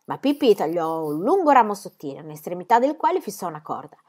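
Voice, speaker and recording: A woman reading a children's book aloud in an expressive storytelling way. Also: on the low side, fast. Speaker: reader.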